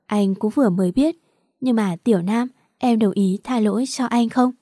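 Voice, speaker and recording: A gentle young man apologizes tenderly in a storybook romance, read by a woman narrator. The voice is warm and relaxed, and it is recorded dry and close. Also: a little high, moderate pace, dry recording, natural voice. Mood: tender remorseful. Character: remorseful young man comforting his lover.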